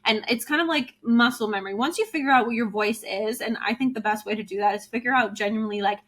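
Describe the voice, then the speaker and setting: A woman's voice: on the high side, fast, fairly bright tone. A woman, a business coach, explaining ideas in a casual interview, chatty and full of fillers like "like" and "you know".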